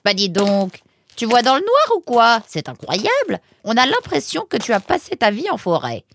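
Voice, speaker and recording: Woman putting on a fussy little animal lady, squeaky and loud, pitch flying all over, breathy. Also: normal speed, no echo, heavily acted. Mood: fretful. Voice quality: exclamatory, high and excited. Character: fussy excitable female animal, mill keeper. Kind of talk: storybook character voice.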